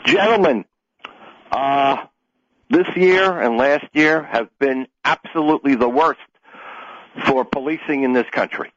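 A man's voice: mid-range voice, a little slow, long pauses, fairly bright tone, dry recording. A man calling in to a radio talk show over a phone line, talking emphatically, repeating his points and restarting his sentences. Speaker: caller. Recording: dull dry phone line.

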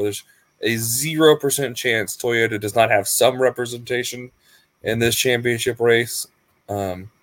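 A man's voice: medium pitch, dry recording. A man co-hosting a sports podcast, arguing his pick with emphatic repetition. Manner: emphatic, repeats points. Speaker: podcast co-host. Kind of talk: casual debate.

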